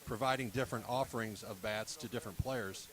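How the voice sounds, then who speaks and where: A man's voice: on the low side, brisk, fairly bright tone. A man representing a bat company, speaking in a casual broadcast interview and filling his talk with "you know" and "um". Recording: crowd noise behind.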